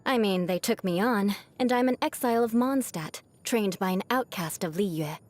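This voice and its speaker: A woman plays a proud young aristocratic knight in scripted video game lines, her mid-range voice a little mellow and natural at a normal pace. The character comes across haughty, formal and teasing, with a vengeful streak hiding a caring side, and the mood is proud and reflective.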